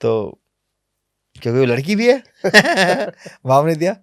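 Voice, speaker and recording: A man being interviewed on a podcast, telling travel stories in a lively, animated way, sometimes dropping to low, quiet asides. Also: measured pace, no room sound, studio quality. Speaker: travel vlogger guest. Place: podcast studio.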